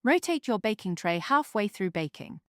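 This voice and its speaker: A woman reading recipe steps and a channel plug as scripted voice-over, upbeat and bright. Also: mid-range voice, very animated, moderate pace, no echo, studio quality.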